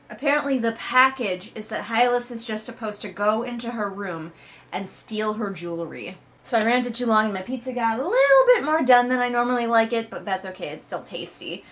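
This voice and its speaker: Hosting a read-along, this woman offers laid-back, funny commentary full of sarcasm, emphasis and exasperation. Her voice sits a little high with a fairly bright tone, and her talk is chatty and sweary.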